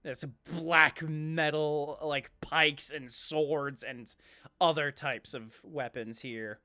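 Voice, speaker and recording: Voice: mid-range voice, fairly even intonation, slow, bright, forceful tone. A game master narrating an improvised tabletop game.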